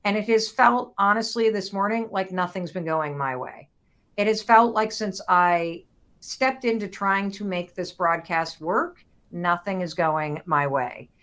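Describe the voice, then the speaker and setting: A woman with a mid-range voice hosts a live motivational talk online. She sounds overwhelmed, close to a nervous breakdown, speaking in a halting, emotional way as she addresses her viewers. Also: mid-range voice, fairly bright tone. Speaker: host of a live broadcast.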